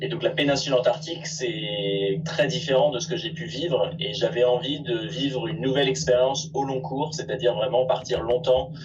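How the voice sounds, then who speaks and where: A man's voice: medium pitch, moderate pace, hardly any pauses. A man from an expedition crew, speaking casually and hesitantly, often repeating himself. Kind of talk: casual talk on a video call. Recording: distant, dull call audio.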